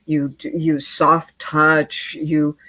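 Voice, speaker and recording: A woman's voice: sits low, level tone, very slow, sharp tone, dry recording. A middle-aged woman, a midwife and interview guest, telling a story earnestly and often repeating words as she goes.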